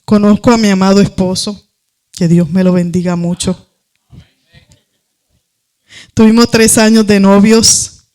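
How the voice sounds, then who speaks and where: A woman's voice: mid-range voice, steady tone, unhurried, pauses often, a little mellow. A woman giving a fervent, conversational testimony sermon in church, speaking straight to her listeners. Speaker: preacher.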